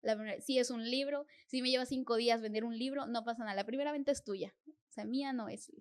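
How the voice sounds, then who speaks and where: A young woman with a fairly high voice tells her faith testimony as a podcast guest. She speaks earnestly and replays her prayers as little conversations with God. The tone stays sincere and storytelling. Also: fairly even intonation, quick pace.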